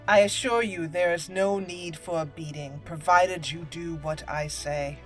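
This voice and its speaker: A gaming channel host with a lowish, fairly even voice offers unhurried, amused let's play commentary over soft background music. Playful, she talks to herself and slips into in-character roleplay as she goes.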